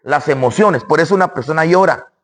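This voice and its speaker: Animated preacher, high-pitched voice. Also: male voice, a little fast. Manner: animated, swings from loud high exclamations to quiet low asides; acts out imagined objections in dialogue. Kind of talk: sermon.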